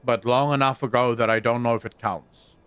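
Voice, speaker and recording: This South African game streamer speaks a little fast, his medium-pitched voice clean, a bit bright and fairly even in intonation. He chats casually with viewers, reads and answers their messages, and swears now and then.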